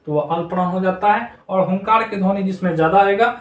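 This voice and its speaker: A man's voice: sits high, fast talker. A male grammar teacher talking children through a lesson, repeating each term aloud for them to remember, in a noisy room. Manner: repetitive, drills terms aloud. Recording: echoey room, distant mic, faint noise.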